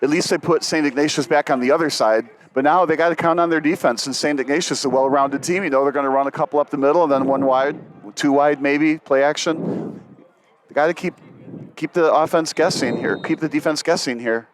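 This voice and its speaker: A male color commentator talking through a football game in a relaxed, explanatory way. His voice is somewhat high for a man. Faint outdoor noise sits under the mic. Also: fairly quick, rough recording. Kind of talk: live sports commentary.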